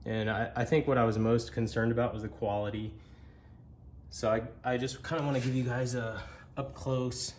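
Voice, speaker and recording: A medium-pitched man speaking at a moderate pace walks through a motorcycle hands-on and casually, in a plain, somewhat hesitant way. He's an amateur reviewer, recorded clearly over steady background noise.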